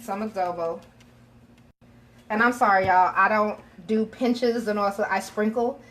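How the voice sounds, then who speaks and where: A woman's voice: medium pitch, fairly even intonation, measured pace, a bit bright, slight background noise. A woman chef giving a live cooking demonstration in a kitchen, chatty and instructive, joking with her helpers, recorded on a phone camera. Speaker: chef and caterer. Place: home kitchen, indoors.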